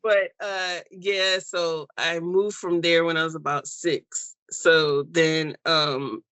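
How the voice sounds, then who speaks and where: An American woman as an interview guest, speaking in a reflective, unhurried way with many pauses and fillers over a video call. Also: low-pitched, fairly even intonation, fairly bright tone, smooth, dry recording. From United States. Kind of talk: personal story interview.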